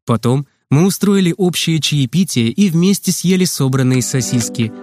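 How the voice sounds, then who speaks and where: A man narrating a children's storybook in a lively reading voice, lifting his pitch for the children's lines. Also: normal speed, over music. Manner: lively, plays each child's line with raised pitch. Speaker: audiobook narrator.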